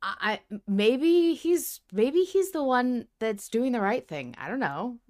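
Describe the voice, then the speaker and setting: Speculating emphatically as she thinks aloud, a female podcast co-host casually discusses an audio drama. Her voice is fairly high with lively intonation and a darkish tone, and she takes it slowly.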